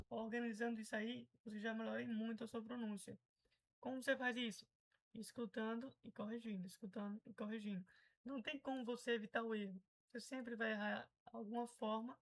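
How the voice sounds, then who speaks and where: A woman's voice: on the high side, poor audio. Chatty Brazilian woman teaching pronunciation. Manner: chatty, explains patiently and repeats example words. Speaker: English teacher. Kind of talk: casual pronunciation lesson.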